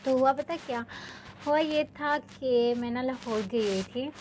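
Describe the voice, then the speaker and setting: Young woman vlogger, slightly high pitch, animated casual storyteller who leans on filler words. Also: measured pace, slight background noise. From Pakistan. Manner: chatty, animated, peppers speech with filler words.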